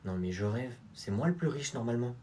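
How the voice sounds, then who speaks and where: A man's voice: mid-range voice, expressive, a little fast, dark tone, pitched below the performer's own voice, lightly acted. A man voicing an entitled rich schoolboy who whines indignantly. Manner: whiny, indignant.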